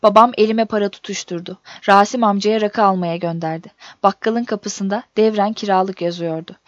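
A woman's voice: medium pitch, steady tone, normal speed, no room sound. Woman narrating a story, dull dry sound. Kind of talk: audiobook narration.

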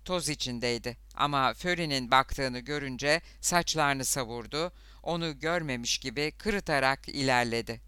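A man narrating an audiobook in a steady, even storytelling manner. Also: mid-range voice, a little slow, few pauses, clean tone, no echo.

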